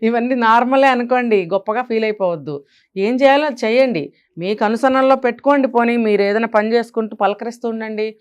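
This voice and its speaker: A woman's voice: on the high side, a little fast, darkish tone, smooth, highs cut off. A woman with a Telugu accent, a guest speaker giving emphatic parenting advice in an interview, often asking rhetorical questions.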